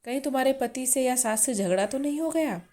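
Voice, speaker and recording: A woman reading the lines of a protective, sharp-tongued middle-aged mother in a storybook, pushy and advising. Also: high voice, brisk. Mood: anxious.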